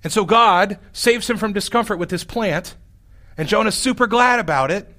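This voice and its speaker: High-voiced, wry male preacher. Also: normal speed, sharp tone. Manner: wry, exasperated storytelling. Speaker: pastor. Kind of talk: sermon.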